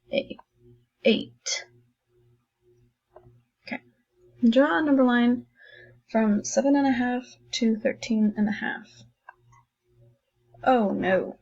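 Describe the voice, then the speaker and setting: A woman teacher walks her students through math problems in a recorded online lesson, chatting and encouraging them as she writes. Her voice is dark and gravelly, with a husky edge. The recording sounds dull and lo-fi. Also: fairly high pitch. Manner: chatty, encouraging, thinks aloud while writing.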